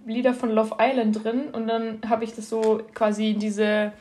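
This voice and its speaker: A woman's voice: on the high side, normal speed. A young woman co-hosting a podcast, chatting casually and telling stories with lots of giggles. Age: young adult. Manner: giggly, animated storytelling. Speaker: podcast co-host.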